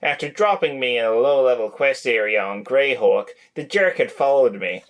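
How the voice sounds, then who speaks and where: A man hosts a podcast and reads a novel aloud to friends, dropping in wry jokes. His reading voice is animated, with lively pitch. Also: moderate pace. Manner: wry, joking asides. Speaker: podcast host and reader.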